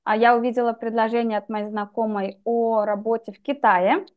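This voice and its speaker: A young Russian woman, an English teacher appearing as a guest over a video call, tells her own story with candor and reflection. Her voice is on the high side, clear and resonant, steady in tone and moderately paced, though the webcam audio is narrow and tinny. She speaks from a dim indoor room.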